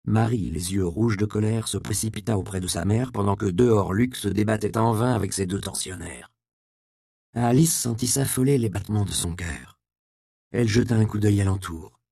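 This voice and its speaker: A man narrating a storybook in a measured, expressive reading. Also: on the low side, gravelly, dry recording, clean studio sound.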